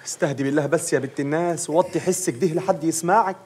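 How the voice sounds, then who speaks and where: A man's voice: a little high, quick pace, a little hiss or hum, lightly acted. An actor playing a kindly village man with an Egyptian Arabic accent who soothes a grieving woman. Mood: soothing. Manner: gentle, soothing.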